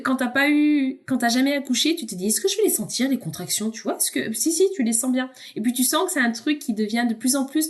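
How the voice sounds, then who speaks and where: Woman guest on a podcast, kinda high voice, candid chatty storytelling, talks to the host like a friend. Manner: candid and conversational, addresses the host informally. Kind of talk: personal storytelling in a casual chat.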